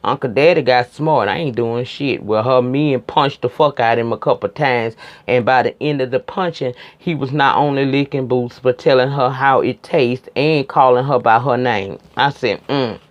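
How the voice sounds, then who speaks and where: A man's voice: mid-range voice, moderate pace, highs cut off. Sassy man gossiping through a TV recap. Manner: sassy, gossipy retelling with cursing and exclamations. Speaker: TV episode recap reviewer. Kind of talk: casual TV recap.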